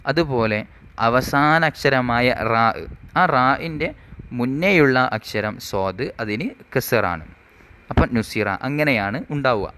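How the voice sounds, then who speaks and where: A man teaching an Arabic grammar lesson, reading rule text slowly and then explaining it, asking questions and answering them himself. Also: mid-range voice, a bit bright, clean tone.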